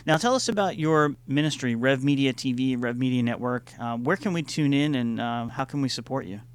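Brief: earnest, encouraging male radio host, mid-pitched voice. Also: a little fast, smooth. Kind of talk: radio interview.

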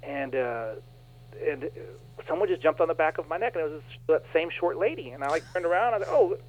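A man, a minister, telling stories in a casual radio interview, animated and folksy, laughing often. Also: fairly high pitch, fast talker. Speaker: minister and guest. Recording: dull lo-fi radio sound.

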